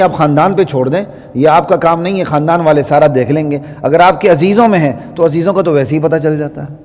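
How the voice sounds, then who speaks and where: A man delivering a Friday sermon in a mosque, stressing his points by slowly repeating phrases. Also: on the high side, a little mellow. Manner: slow, emphatic repetition of phrases. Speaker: Friday preacher. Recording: long hall reverb.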